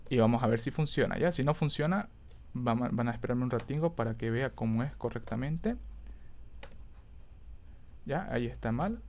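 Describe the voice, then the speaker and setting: Casting: male instructor, mid pitch, patient step-by-step lesson, frequent check-ins, thinks aloud and self-corrects. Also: expressive, moderate pace, pauses often, darkish tone. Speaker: teacher. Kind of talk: screen-recorded coding lesson.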